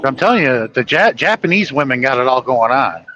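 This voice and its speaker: A man's voice: mid-range voice, expressive, brisk, bright, forceful tone, dull audio, slight background noise. A man hosting a podcast, telling stories and insisting on his point in a rambling casual chat. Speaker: podcast host.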